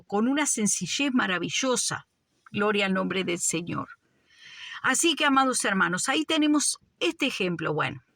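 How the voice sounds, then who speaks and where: A woman's voice: fairly high pitch, a bit bright, dry recording, studio quality. A woman preaching a fervent sermon, often calling her listeners beloved brothers. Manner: fervent, addresses "amados hermanos" often.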